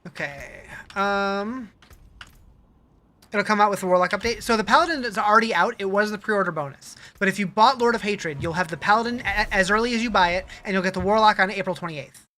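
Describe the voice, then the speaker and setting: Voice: mid-range voice, fairly quick, bright, forceful tone. A game streamer chatting casually and answering viewers' questions in a conversational way. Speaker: livestreamer. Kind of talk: casual live-stream chat while gaming.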